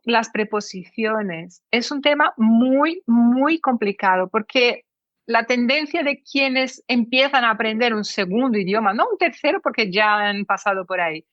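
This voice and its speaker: Woman, higher voice, dry, muffled sound. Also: normal speed, dry recording. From Brazil. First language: Portuguese. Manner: lively, explains with examples. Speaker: guest, Spanish teacher. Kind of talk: explanatory interview talk.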